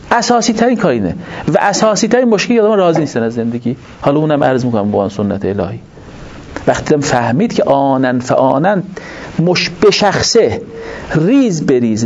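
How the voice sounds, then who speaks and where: A man giving a religious lecture to an audience, explaining points in an animated way and asking rhetorical questions. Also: sits high. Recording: dull lo-fi recording with faint noise.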